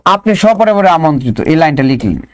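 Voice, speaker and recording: High-voiced man drilling a grammar class. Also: sing-song, fairly quick. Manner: drilling students with repeated questions. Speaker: Bangla grammar teacher. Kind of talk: online class lesson.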